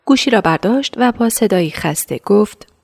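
A woman narrating a radio drama in a measured, hushed storytelling voice. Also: medium pitch, lively intonation, vocal fry.

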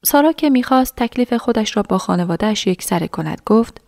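Creaky-voiced woman reading a story. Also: on the high side, lively intonation, a little mellow, no echo, clean studio sound. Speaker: narrator. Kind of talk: scripted story narration.

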